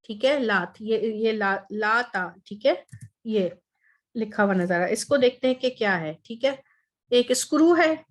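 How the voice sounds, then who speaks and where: A woman teaches Quranic Arabic to a small online class, taking it step by step. Her voice sits high, and she keeps checking with her students as she goes. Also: a bit bright. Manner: explains step by step, says "ठीक है" often.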